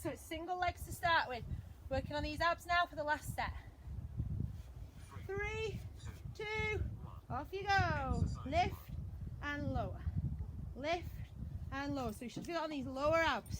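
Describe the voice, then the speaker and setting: A woman's voice: sits high, background noise. A woman fitness instructor leading a live workout class with short repeated commands, counts and encouraging cues. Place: outdoors in a back garden.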